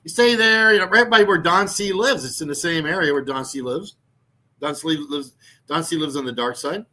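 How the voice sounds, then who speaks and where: A YouTube channel host in his sixties talks at normal speed in a pushed, bright voice on the high side. His casual vlog rambles through many fillers and restarts, and he's mocking, laughing at his own jokes.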